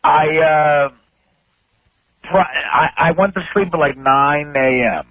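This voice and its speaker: A man tells a rambling story in casual radio chat. He stumbles and restarts his sentences in a somewhat high voice. The sound is dull and dry, like a radio studio feed. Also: slow pace, no room sound. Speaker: comedian, show regular.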